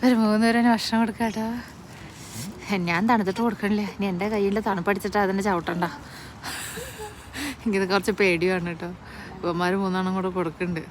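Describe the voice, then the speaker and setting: A woman chatting excitedly as she vlogs her visit to an animal park, mixing in English words. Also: mid-range voice, quick pace, pauses often, slight background noise, poor audio. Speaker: vlogger. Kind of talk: casual vlog narration. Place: outdoor wildlife park with rain.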